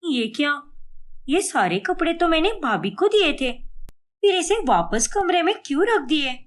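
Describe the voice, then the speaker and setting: A woman voicing an indignant young sister-in-law who speaks in a sharp, accusing way. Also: high-pitched, big pitch swings, unhurried. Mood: upset.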